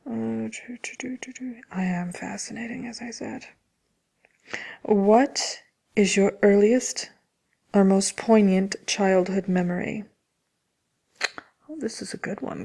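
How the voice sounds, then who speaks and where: A woman as the slow, creaky Wicked Witch of the West. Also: medium pitch, dark tone, pitched above the performer's own voice, exaggerated voice. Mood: smug, reminiscing. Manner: haughty, unhurried, halting, partly whispered delivery. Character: vain, sinister, cynical Wicked Witch of the West. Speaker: host answering listener questions. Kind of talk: ASMR character roleplay chat.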